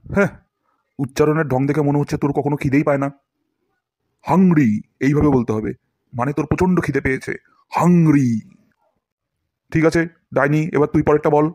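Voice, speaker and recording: A man playing a self-important cartoon teacher who scolds his pupils and hams up every word he demonstrates. His voice sits a little high for a man, recorded close and dry with no room sound. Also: steady tone, fast, darkish tone, no room sound. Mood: scolding. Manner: pompous, scolding, theatrical demonstrations of words. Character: boastful, scolding male English teacher. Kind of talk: cartoon voice acting.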